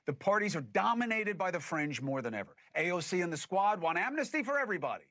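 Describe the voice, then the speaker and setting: A man hosting a podcast, giving emphatic, animated political commentary. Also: high voice, quick pace, dry recording. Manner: emphatic and animated, with scornful laughs. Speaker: podcast host.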